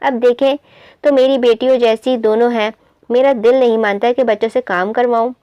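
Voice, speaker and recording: A woman's voice: a little high, steady tone, moderate pace, mellow, clean tone, no room sound, lo-fi sound, lightly acted. Woman doing a scheming, bossy aunt. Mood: falsely sweet. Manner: bossy, falsely sweet. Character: scheming middle-aged aunt, falsely sweet.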